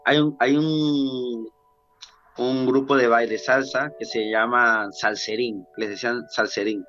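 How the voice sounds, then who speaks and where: An Ecuadorian man in his thirties talks casually as a podcast guest, rambling and restarting his sentences. His voice is bright and forward. The sound is a little dull and lo-fi, with faint music underneath. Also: mid-range voice, steady tone, measured pace. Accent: Ecuadorian Spanish. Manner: chatty, rambling with many restarts. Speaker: guest dancer.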